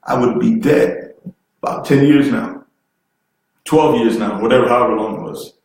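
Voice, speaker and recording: A man's voice: mid-range voice, normal speed, a little mellow. A man giving a preachy motivational seminar talk, fervent and repetitive, building in intensity and laughing through his words. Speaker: motivational speaker. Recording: very echoey room, far from the mic, faint noise.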